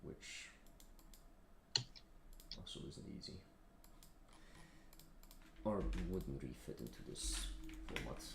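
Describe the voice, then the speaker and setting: Working through his livestream in an echoey room with noticeable background noise, a man thinks aloud in a musing, self-critical way. His voice rumbles low with lively intonation, and he speaks slowly with long pauses.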